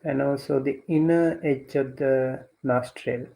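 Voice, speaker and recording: Guiding a meditation as its teacher, a man gives his instructions gently and deliberately, leaving long pauses between them. He has a creaky, mid-range voice with fairly even intonation, heard through a rough recording.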